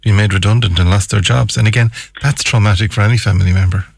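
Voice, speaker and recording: A man's voice: lowish voice, steady tone, quick pace, creaky, no echo, studio quality. A man presenting a current affairs radio show, talking in a conversational but emphatic way.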